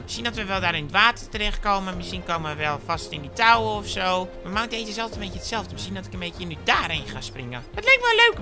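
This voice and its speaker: A goofy male gamer character, put on by a man, chatting away to his viewers in comic gameplay commentary. His voice swings wildly and jumps into squeals whenever he gets excited. Game music plays steadily behind him. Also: sits high. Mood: chatty. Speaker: gaming YouTuber.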